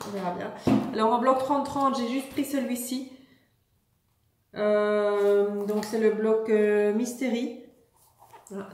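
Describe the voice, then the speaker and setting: A woman talks through her latest haul in an easy, chatty way, often pausing to find her words. Her voice is mellow and soft-edged. The sound carries an echo from the room, with faint noise behind her. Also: mid-range voice. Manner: relaxed, chatty, many hesitations. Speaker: vlogger showing a shopping haul. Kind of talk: casual haul video.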